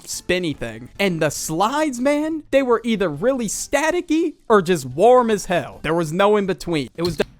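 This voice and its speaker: A man's voice: high voice, sing-song, moderate pace, few pauses, no room sound. A young man telling funny childhood stories with a raised, swooping voice that leaps all over the place. His delivery is crude and playful. The recording is dry and close. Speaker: narrator. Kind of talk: comedic storytelling narration.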